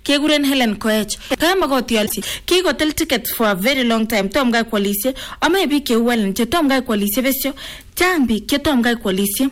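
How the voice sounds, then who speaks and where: A woman's voice: fairly high pitch, animated, fairly quick. A Kenyan woman hosting a live radio giveaway, exclaiming and repeating herself as she switches between languages. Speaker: radio host.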